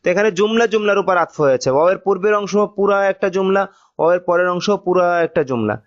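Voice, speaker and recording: A man with a Bangladeshi accent teaching Arabic grammar, patiently reading sentences slowly and then translating them. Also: sits high, animated. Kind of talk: recorded online lesson. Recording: dull lo-fi recording.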